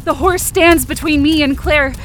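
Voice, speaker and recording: Here the same podcast writer and performer speaks in a high voice at a normal speed, narrating first-person present-tense horror with urgent, dramatic storytelling. Loud effects and background noise sit underneath her.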